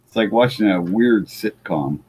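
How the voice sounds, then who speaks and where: Husky-voiced Canadian man, blunt. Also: fairly low pitch, expressive, a little slow, darkish tone. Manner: blunt, laughs easily. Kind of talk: casual panel chat.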